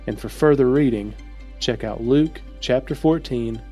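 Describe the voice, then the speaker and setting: Calm man reading a devotional story. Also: medium pitch, unhurried, husky, soft background music. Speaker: narrator. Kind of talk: scripted devotional narration.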